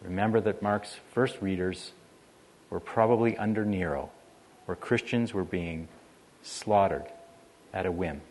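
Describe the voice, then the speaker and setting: A man's voice: low voice, unhurried, long pauses, a little mellow. A man preaching a sermon in a conversational way, shifting his emphasis often. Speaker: pastor.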